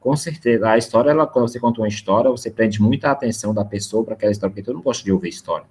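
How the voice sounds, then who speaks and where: A man's voice: on the low side, racing, darkish tone. A man from Brazil presenting a sales webinar in a conversational way, tagging his points with a questioning "né?". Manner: conversational, keeps adding a questioning "né?". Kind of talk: casual webinar lecture.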